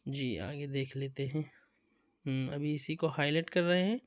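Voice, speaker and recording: Man, slightly high voice, online tajweed lesson, patient, repetitive explanations. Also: steady tone, lo-fi sound. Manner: patient, repetitive, checks understanding with tag questions. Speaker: Quran tajweed teacher.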